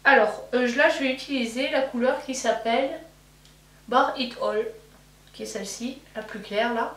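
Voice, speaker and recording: A woman's voice: fairly high pitch, moderate pace, a bit bright, distant mic. Chatty woman doing her makeup, roomy sound. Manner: rambling, thinking aloud with many fillers and self-corrections. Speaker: beauty vlogger. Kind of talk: casual get-ready-with-me chat while doing makeup. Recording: echoey room, voice from off-mic, faint hum.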